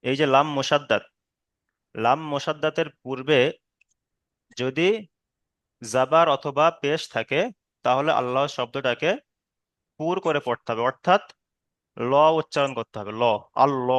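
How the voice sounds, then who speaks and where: Guy teaching quran reading slow and repetitive, chants the examples, crisp dry voice. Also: mid-range voice, a bit bright, dry recording. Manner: slow, repetitive explaining, checking with students; drawn-out chanted Arabic examples. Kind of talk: online tajweed lesson.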